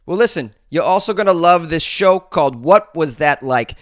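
Boston accent guy, high voice, brash cheeky podcast plug, dry sound. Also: lively intonation, moderate pace, no echo. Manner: brash, cheeky, addresses listeners teasingly. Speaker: podcast promo voice. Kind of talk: casual podcast ad read.

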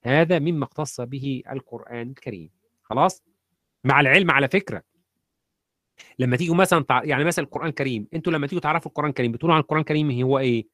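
A man's voice: on the high side, racing, pushed and bright, no room sound, clean studio sound. A male teacher with an Egyptian accent, quizzing students in an online lesson and repeating key phrases. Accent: Egyptian Arabic.

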